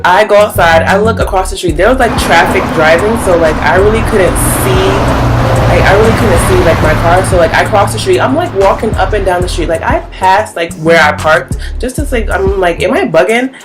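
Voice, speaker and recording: A woman's voice: medium pitch, a little fast, over loud music. A young woman telling a story in a casual, rambling way, full of "like". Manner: rambling, heavy use of "like", animated retelling. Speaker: vlogger.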